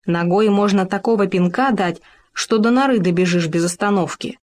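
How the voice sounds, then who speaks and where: A woman's voice: medium pitch, moderate pace, darkish tone, close to an everyday voice. A woman voicing a cheeky little male ground squirrel with a sly, giggly manner.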